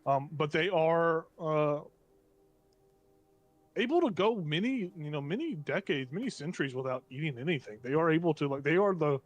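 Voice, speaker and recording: A man narrating a tabletop game as game master, improvising descriptions in a halting, casual way with slangy asides. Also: fairly high pitch, dry recording.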